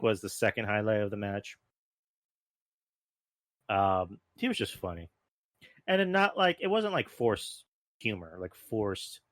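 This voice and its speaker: A man's voice: lowish voice, fairly bright tone, no room sound. A man hosting a solo show, reviewing wrestling in a casual, rambling way full of fillers, restarts and blunt swearing. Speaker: solo podcast host.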